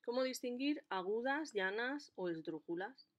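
Woman teaching in a deliberate voice. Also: a little high, lively intonation, muffled recording. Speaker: language teacher. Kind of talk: scripted explanatory lesson.

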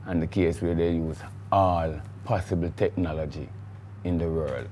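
A man's voice: low voice, fairly even intonation, normal speed, darkish tone, a little hiss or hum. A middle-aged man with a Jamaican accent, a guest in a studio interview, talking in a rambling, emphatic way with patois phrasing. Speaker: guest, recording artiste.

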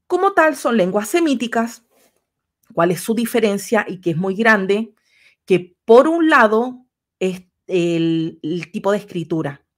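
A woman's voice: medium pitch, very animated, unhurried. Woman teaching step by step. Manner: patient, walks through slides step by step. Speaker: history lecturer on a livestream. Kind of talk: explanatory livestream lecture.

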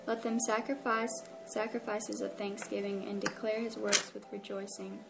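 A woman co-host reading a long scripture passage aloud in a steady, even way. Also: medium pitch, moderate pace, gravelly, over music, poor audio.

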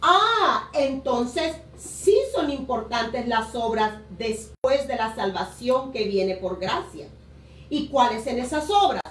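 Woman pastor from honduras preaching slow and emphatic, high voice, echoey room, kinda far from the mic. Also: animated, fairly bright tone. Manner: emphatic preaching, stretching key words slowly. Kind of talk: sermon. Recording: roomy echo, voice a bit distant.

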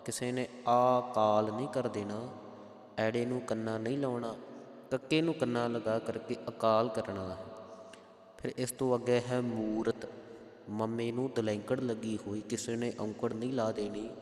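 A man teaching careful pronunciation of scripture, spelling out vowel marks and chanting lines slowly. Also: mid-range voice, fairly even intonation, darkish tone. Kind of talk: slow pronunciation lesson with chanted verses. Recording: echoey room with long reverb.

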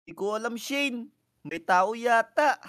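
Giggly, panicky high-voiced woman. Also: animated, slow, a bit bright. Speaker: role-play co-star. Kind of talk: playful game role-play.

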